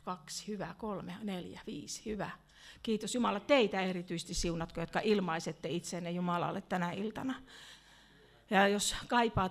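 Gravelly-voiced woman preacher praying fervently. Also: medium pitch. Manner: fervent praying, speaking in tongues. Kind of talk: charismatic prayer and altar call. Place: church meeting hall.

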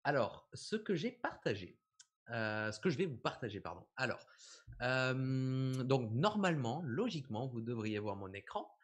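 A man talks through a visual effects tutorial in a loose, conversational way. His voice is slightly husky, and he pads his explanations with easygoing fillers. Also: medium pitch, sing-song, moderate pace. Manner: casual, explanatory, frequent fillers. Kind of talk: live software tutorial chat.

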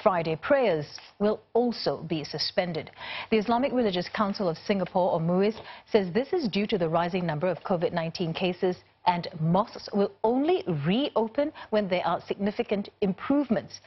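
A woman anchors the news from a TV studio, reading in a crisp, formal manner. The broadcast audio is slightly muffled. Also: mid-range voice, normal speed.

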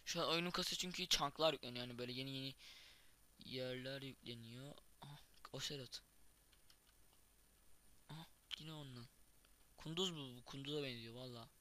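A young man giving casual, excitable commentary while playing a block-building game, thinking aloud and exclaiming at each thing he finds. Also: medium pitch, moderate pace, long pauses. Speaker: gaming YouTuber. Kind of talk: casual Minecraft let's play commentary.

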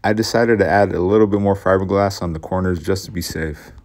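This is casual voice-over narration about a boat the speaker built himself. The middle-aged man talks fairly quickly in a low, slightly mellow voice, matter-of-fact and mildly self-deprecating about where he went wrong.

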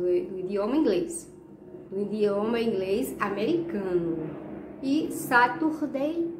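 A woman teaching English to children, a Portuguese speaker who explains slowly and patiently, repeating words and checking with "ok?". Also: mid-range voice, reverberant, noisy background. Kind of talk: recorded classroom lesson.

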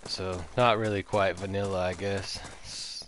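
A young man talks through a game stream in an unhurried, easygoing way, cursing now and then. His voice sits very low. A faint hiss runs under the recording. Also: little pitch movement, fairly bright tone. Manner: laid-back, casually profane. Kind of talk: casual gameplay chat.

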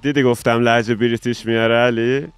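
A lively male streamer in casual gaming banter, joking around and turning to his viewers now and then. His voice sits at a middle pitch, with faint music underneath. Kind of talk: casual gaming commentary with a friend.

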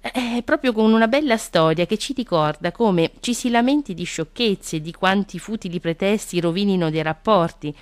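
A woman reading a children's picture book aloud on the radio, gentle and expressive. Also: medium pitch, normal speed, hardly any pauses, clear, resonant tone, dry recording. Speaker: children's story reader. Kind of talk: storybook reading.

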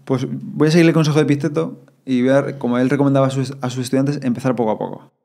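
A man with a Spain Spanish accent, talking casually as a podcast guest and acting out his own thoughts. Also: mid-range voice. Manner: fast, animated, acts out inner thoughts in quotes.

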